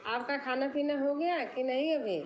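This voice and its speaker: High-pitched lady doing a live stream, slow and chatty, lots of hiss behind her. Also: highs cut off. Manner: chatty, warm toward viewers, reads comments aloud. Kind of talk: casual live-stream chat reading comments.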